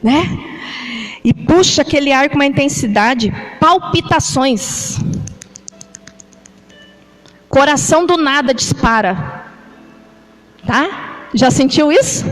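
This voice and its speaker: A Brazilian woman gives a sermon in a high voice, taking her time over each phrase. She talks in a chatty way, keeps asking the listeners whether they follow, and acts things out with gestures as she goes. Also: low-quality recording. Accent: Brazilian Portuguese. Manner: conversational, frequent tag questions to the congregation; demonstrates with gestures while talking. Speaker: preacher. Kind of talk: church sermon on anxiety.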